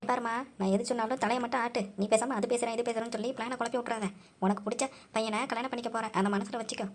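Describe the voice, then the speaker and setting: A woman voicing chatty young village women in a cartoon, with lively gossipy banter. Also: on the high side, rapid-fire, a little hiss or hum, natural voice. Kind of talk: cartoon voice acting. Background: background music.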